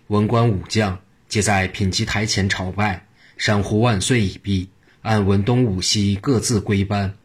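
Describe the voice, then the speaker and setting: A man reading a traditional story aloud in a steady narrating manner. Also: fairly low pitch, husky.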